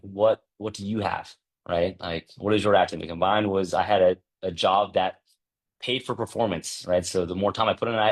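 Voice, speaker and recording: A man in his thirties presenting a workshop in a casual, chatty way, often tagging "right?" and acting out past conversations. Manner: acts out past dialogue with lively jumps in pitch.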